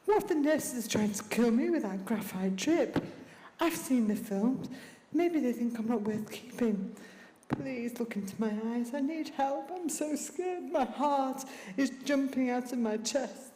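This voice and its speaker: A woman's voice: a little high, unhurried, warm tone, lightly acted. A woman voicing the pleading inner thoughts of a frightened woman who is paralysed and trapped inside her own body, as a recorded dramatised monologue. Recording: echoey hall playback with long reverb.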